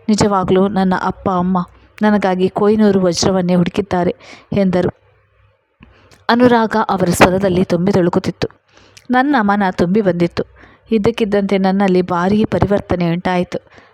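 A woman reading a first-person love story aloud in a steady, even narration. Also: medium pitch, no echo, rough recording.

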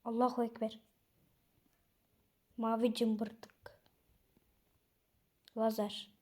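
A young woman chatting casually as she plays through an online obstacle game, talking to her viewers with excitable outbursts. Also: fairly high pitch, very slow. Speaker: gaming channel host.

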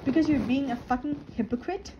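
A woman's voice: high-pitched, fairly quick, lo-fi sound, background noise, natural voice. A woman reading the chat lines of a crude, hot-tempered teenage boy who swears a lot and snarls insults. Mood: snarling.

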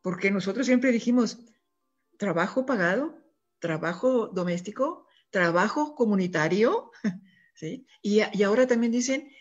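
Earnest woman guest on a radio panel, husky voice, muffled lo-fi radio recording. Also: medium pitch, animated, a little slow, soft background music. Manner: earnest, keeps checking in with listeners. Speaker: guest speaker.

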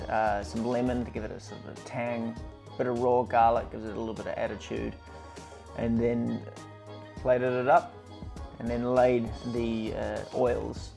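A man hosting a casual cooking vlog, tasting dishes and talking with relaxed enthusiasm and plenty of fillers. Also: mid-range voice, gravelly. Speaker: cooking channel host.

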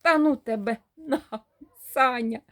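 A woman voicing a young man who talks in a pleading, excitable way. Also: high-pitched, slow, voice pushed up. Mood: exasperated. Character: scared, bruised young man, the storyteller.

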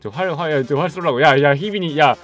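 A man hosting a gaming stream, commenting loudly and excitedly and yelling at his friends as they play. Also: fairly high pitch, brisk, faint music behind. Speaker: streamer host.

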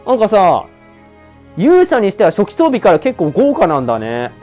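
A man giving casual commentary over a game, excitable and joking as he talks back at the screen. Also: high-pitched, moderate pace, soft background music. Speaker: let's-play streamer.

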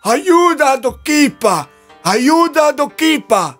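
A man voicing a dazed, childlike old man in an audio story, crying out excitedly. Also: very high voice, takes it slowly, soft background music, pitched above the performer's own voice, full character voice. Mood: pleading.

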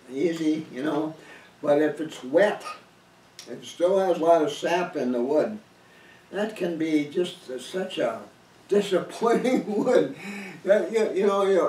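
A man's voice: on the high side, a little mellow. Folksy older man, roomy distant sound. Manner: rambling and folksy, with many restarts. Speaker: hunting and camping instructor. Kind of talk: casual how-to talk. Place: indoors by a stone fireplace, then outdoors on a grassy field. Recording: roomy, from off the mic.

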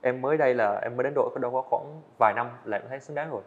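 With the high frequencies cut off, the recording captures a medium-pitched young adult man answering interview questions in a studio setting. He's a student animator who speaks rapidly and earnestly in casual terms, often starting his phrases over.

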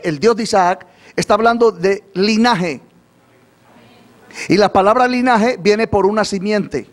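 Male preacher with a high voice, livestreamed sermon, leads call-and-response with the congregation. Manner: asks the congregation for call-and-response, repeats questions. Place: church or studio, livestreamed.

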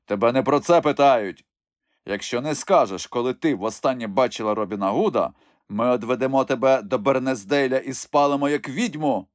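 A man's voice: medium pitch, normal speed, no room sound, clean studio sound, lightly acted. A man voicing a cruel, gloating bishop who barks orders at his soldiers. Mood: commanding. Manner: barking orders, harsh. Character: cruel, gloating male bishop hunting outlaws.

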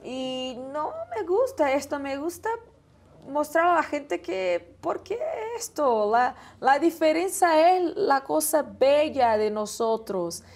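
A young woman with a Brazilian Portuguese accent answers interview questions in a fairly high voice. Portuguese is her first language, and she feels her way toward each word, now and then asking for one. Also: lively intonation, slow, darkish tone. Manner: searches for words, asks for help with them. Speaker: singer, interview guest.

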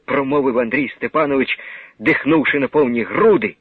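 A man giving a grave, measured dramatic reading of a novel as narrator. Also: mid-range voice, husky, no room sound. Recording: narrow old radio broadcast sound.

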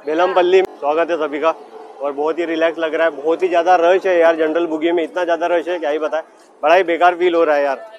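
A young man vlogging a train journey, talking loudly and excitedly to his viewers about the crowded coach. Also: fairly high pitch, fast, highs cut off. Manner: excited, loud, chatty, addresses viewers as guys. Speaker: travel vlogger. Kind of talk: casual running commentary. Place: crowded general coach of a train and station platforms. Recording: crowded train noise behind. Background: chatter of a packed crowd.

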